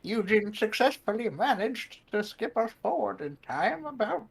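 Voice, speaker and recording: A woman's voice: fairly high pitch, very animated, moderate pace, creaky, slightly rough. A woman player recapping events at a tabletop game. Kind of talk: casual chat at a game table.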